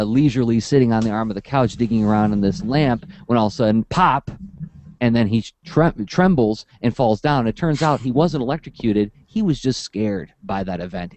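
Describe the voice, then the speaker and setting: A man who teaches comics workshops, talking casually and at length, telling stories and acting out the people in them. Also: fairly low pitch. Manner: animated and verbose, acts out quotes. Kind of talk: casual conversation, storytelling.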